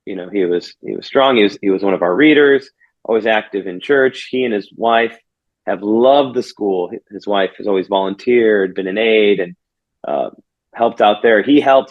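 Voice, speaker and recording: Male pastor guest, earnest reflective storyteller, lowish voice, slightly dull lo-fi sound. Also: moderate pace. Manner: earnest and reflective, often restarting phrases. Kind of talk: conversational storytelling.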